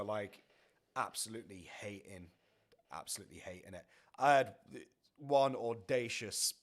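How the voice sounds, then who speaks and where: A man chatting casually on a music reaction livestream, rambling and animated, with many fillers. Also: medium pitch.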